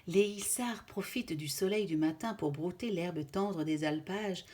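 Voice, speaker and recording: A woman reads a children's picture book aloud in a lowish, even voice. She keeps a gentle, storytelling pace and talks directly to a child listening. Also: unhurried.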